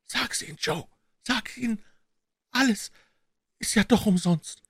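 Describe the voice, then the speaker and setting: Sobbing broken drifter, voice way up high and cracking, begging, dry close sound. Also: male voice, animated, unhurried, a bit bright, slightly rough, dry recording, exaggerated voice. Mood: despairing. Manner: sobbing, pleading, high strained voice. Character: broken, weeping middle-aged male drifter accused of murder.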